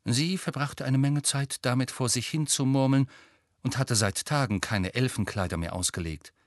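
A man's voice: mid-range voice, no echo. Man narrating a story, dry and close. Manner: measured storytelling with character voices. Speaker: audiobook narrator. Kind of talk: scripted narration.

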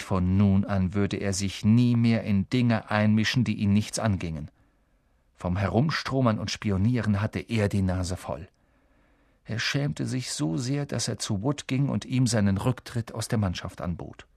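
Expressive male audiobook narrator. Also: on the low side, measured pace, gravelly, no echo, studio quality. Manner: expressive storytelling, lively emphasis.

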